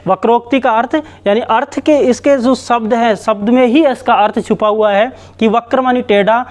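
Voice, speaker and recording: Male teacher with a high voice, explaining a grammar lesson step by step and repeating himself. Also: darkish tone. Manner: slow, repetitive explaining with many restarts. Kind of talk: Hindi grammar lesson at a board.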